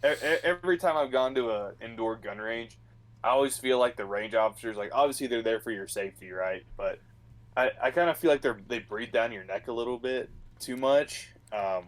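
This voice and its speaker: A man's voice: medium pitch, a little fast. A man co-hosting a podcast in casual chat, often repeating words as he starts a sentence. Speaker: podcast co-host.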